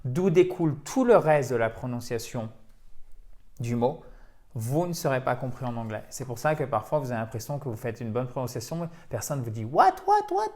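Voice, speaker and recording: A man's voice: medium pitch, brisk, mellow. A man teaching English pronunciation in a video lesson, explaining in French and repeating example words with the stress marked.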